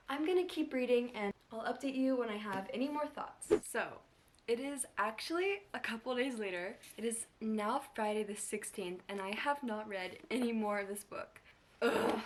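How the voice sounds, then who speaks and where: Chatty young woman gushing about books. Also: on the high side. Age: young adult. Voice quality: slight lisp from a retainer. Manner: gushing, chatty, lots of fillers. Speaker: book vlogger. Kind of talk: casual reading vlog.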